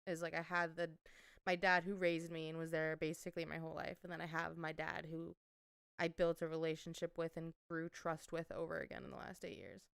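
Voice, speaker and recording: Podcast co-host, twenties, woman, smooth and crisp tone, candid and laughing. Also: deep voice, little pitch movement, a little fast, a bit bright, no echo, clean studio sound. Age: 20s. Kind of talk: casual chat.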